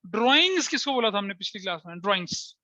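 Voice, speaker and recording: Male accounting teacher, bright forceful voice, dry close sound, a little muffled; lectures by asking and answering his own questions. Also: high voice, big pitch swings, fast, no echo. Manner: explains terms by asking the class and answering himself, mixing in English phrases. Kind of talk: classroom lecture.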